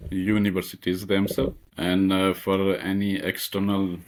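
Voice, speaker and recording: Low-voiced young man from Nepal. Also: monotone, measured pace. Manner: hesitant, many fillers and restarts. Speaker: guest, master's student. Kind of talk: interview.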